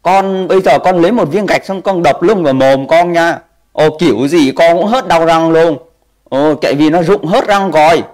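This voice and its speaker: A man's voice: on the high side, normal speed, a little mellow, voice pushed up, close to an everyday voice. Brief: a jolly, teasing old Santa with a raised, grandfatherly voice, for a game stream, a man acts it out. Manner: mock-grandfatherly, playfully mean jokes.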